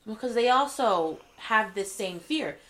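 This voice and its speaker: A woman's voice: fairly high pitch, lively intonation, measured pace, a bit bright. A woman co-hosting a podcast in casual chat, blunt and swearing freely, often restarting her sentences. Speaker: podcast co-host.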